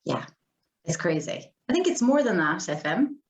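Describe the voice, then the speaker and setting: Irish woman guest, low-set voice, chatty and laughing, echoey room recording. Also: big pitch swings, moderate pace. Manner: chatty, laughs often, many restarts. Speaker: guest, agency owner. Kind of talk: casual interview chat.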